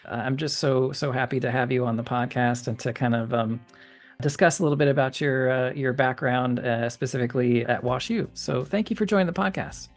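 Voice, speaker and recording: A man's voice: medium pitch, fairly quick, soft background music. A man hosting an interview podcast, friendly and chatty, with frequent fillers and restarts. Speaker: podcast host.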